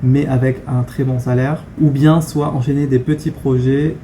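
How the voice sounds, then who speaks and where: A man's voice: medium pitch, fairly even intonation, moderate pace, warm tone, a little hiss or hum. A young man from France chatting frankly in a casual vlog, with many fillers and restarts. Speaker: vlogger. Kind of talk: casual talking-head vlog.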